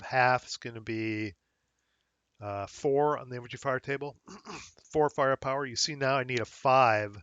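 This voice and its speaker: A wargame tutorial host, slightly hoarse and losing his voice, explains game rules in a relaxed way, thinking aloud and using fillers as he checks details. The recording is close and dry, without echo or room sound, and a little dull in the highs.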